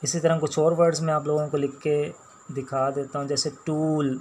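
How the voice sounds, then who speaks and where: A man with a Pakistani accent teaching a shorthand class, explaining each sound slowly and repeating words as he writes them out. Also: a little high, little pitch movement, darkish tone, a little hiss or hum. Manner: slow, patient, repeats each sound and word. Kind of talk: classroom lecture while writing on a board.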